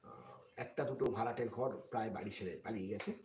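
A man telling a ghost story on a live stream in a slow, hesitant way, with many fillers and frequent checks with his viewers. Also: fairly low pitch, sing-song, creaky, darkish tone. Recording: echoey room with faint noise.

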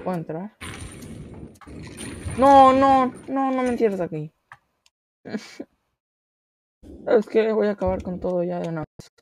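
A woman chatting casually through a game, excitable and quick to shriek and repeat herself. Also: mid-range voice, slight background noise. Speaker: gamer. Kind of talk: casual gameplay chat.

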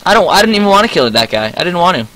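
Excitable young gamer guy, bright voice. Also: high voice, very fast, low-quality recording. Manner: excitable, frustrated outbursts, voice cracks. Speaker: gaming channel host. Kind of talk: live gameplay commentary.

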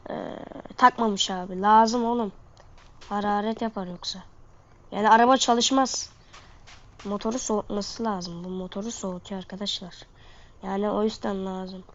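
Through a dull lo-fi microphone comes a gaming host's mid-range voice, fairly even in intonation, at normal speed with frequent pauses. She sounds congested and sniffly as she chats in slang with viewers about the game she's playing.

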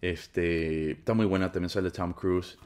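A man's voice: sits low, steady tone, measured pace, darkish tone. A young man with a Mexican Spanish accent, chatting casually and with plenty of slang while he unboxes movies for his vlog.

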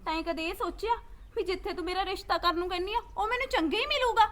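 A woman's voice: extremely high pitch, quick pace, a bit bright. A woman with a Punjabi accent playing a defiant young village woman who pleads and accuses her family. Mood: accusing. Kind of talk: village drama acting.

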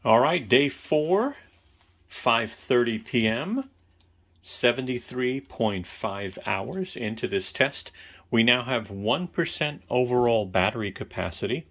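A man's voice: mid-range voice, expressive, measured pace, fairly bright tone. A man giving a casual tech product review, chatting straight to the viewer.

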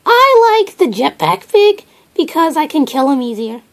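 A performer voicing excitable young cartoon bird kids in an improvised puppet show, with a drawn-out childish delivery. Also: high voice, pitched above the performer's own voice, full character voice. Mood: cheeky.

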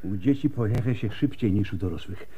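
In a radio drama, a male actor plays a blunt, world-weary, scarred plague doctor, gruff and emphatic with bitter resignation, yet matter-of-fact and reassuring. His voice is fairly low, mellow and a little fast, captured with a lo-fi sound.

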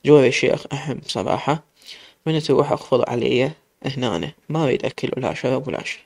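A man's voice: medium pitch, fast, creaky, a little mellow, slightly rough. A man with an Iraqi accent voicing a frightened young woman who pleads timidly. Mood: pleading. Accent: Iraqi Arabic.

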